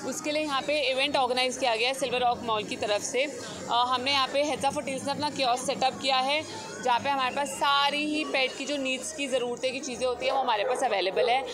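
A woman's voice: high voice, fairly even intonation, brisk. A woman in her twenties representing a pet brand, giving an upbeat, inviting interview at an event booth. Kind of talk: promotional interview. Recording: music and crowd behind.

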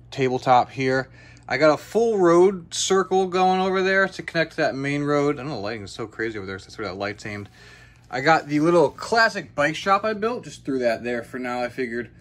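A young man hosting a casual, chatty walkthrough vlog, thinking aloud as he films his tabletop model city with a handheld phone indoors. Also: mid-range voice. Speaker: YouTuber showing his toy brick city.

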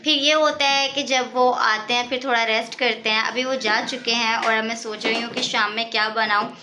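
A woman's voice: a little high, steady tone, normal speed, a little hiss or hum. A young woman chatting casually in a home vlog, coaxing her toddler in a sing-song voice. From Pakistan. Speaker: family vlogger and mother. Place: home by a window. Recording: loud background music. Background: loud music.

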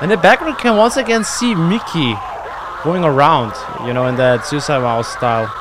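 Speaking at a moderate pace in a voice on the high side, a young adult man reacts on YouTube with casual, sweary exclamations. He's in a home gaming room with a close desk mic on a boom arm, and the background is noisy.

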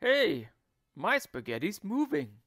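A man voicing a grumpy, nasty old husband who plays cruel tricks, in a gruff, scornful manner, in a storybook reading. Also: mid-range voice, very animated, takes it slowly, fairly bright tone, no echo, studio quality, exaggerated voice. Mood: gleeful grumpy.

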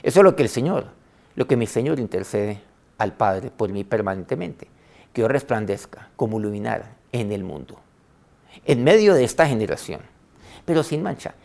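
A man preaching a sermon, reading scripture aloud with emphasis, slowing on key phrases and letting line ends trail off softly. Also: mid-range voice, big pitch swings, creaky. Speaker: pastor.

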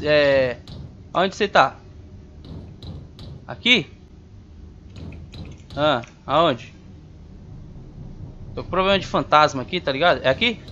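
A man with a slightly high, bright voice gives casual let's-play commentary. He is jumpy and slangy, and he talks back at the game. The recording is a little dull and has faint hiss. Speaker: gamer playing a horror game.

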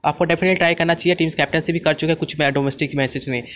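A man's voice: a little high, fairly even intonation, fairly bright tone, a little hiss or hum. A young man presenting fantasy cricket picks as the channel's host, rattling off confident, casual commentary to his viewers. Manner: rapid, confident, addresses viewers as friends.

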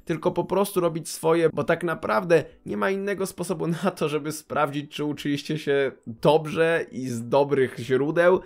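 A young man in his twenties talks straight to his viewers, handing out practical advice about university life. His voice sits slightly higher than most men's, and his delivery is scripted, direct, with a dry wry edge. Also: moderate pace, creaky, hardly any pauses. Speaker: YouTuber giving study advice.

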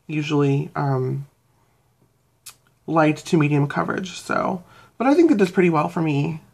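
A young woman giving a casual beauty product review, rambling with fillers and self-corrections. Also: deep voice. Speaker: beauty vlogger.

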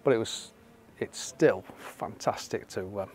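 A middle-aged man on a beach, talking casually about his landscape photography, enthusiastic and sometimes dropping to a soft hush. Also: lowish voice, measured pace, a little hiss or hum. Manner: enthusiastic, drifting to soft hushed remarks. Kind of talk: casual vlog narration. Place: open sandy beach outdoors at sunset.

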